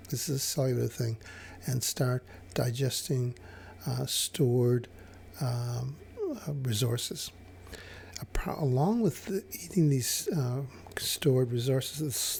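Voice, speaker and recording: A man explaining fasting over slides in a casual, hesitant way, with many fillers and restarts. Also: medium pitch, vocal fry, a little mellow, slight background noise. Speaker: health educator.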